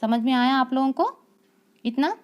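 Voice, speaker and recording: A woman's voice: high-pitched, animated, dull audio. Patient woman teaching young children. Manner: slow, patient, repeats key lines for young children. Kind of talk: online class lesson.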